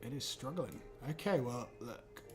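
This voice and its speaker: A man walking through software in a casual livestream demo, relaxed and easygoing in his explanations. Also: mid-range voice, measured pace, music in the background. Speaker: guest presenting software.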